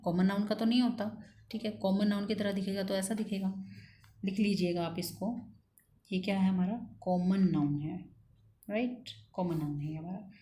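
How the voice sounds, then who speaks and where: A woman's voice: fairly low pitch, mellow. A woman teaching an English grammar lesson in a patient, coaxing way, repeating key points and checking in with her students after each one.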